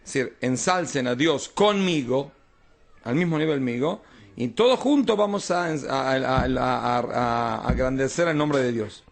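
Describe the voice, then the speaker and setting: A man's voice: mid-range voice, expressive, a little slow, vocal fry. A man, a rabbi, teaching an informal Talmud class, explaining texts and often checking that his students follow.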